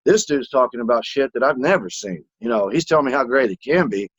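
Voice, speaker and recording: A man's voice: medium pitch, lively intonation, fast talker, breathy edge, dry recording, lo-fi sound. A man co-hosting a casual podcast, telling stories animatedly, acting out voices and swearing freely. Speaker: podcast co-host.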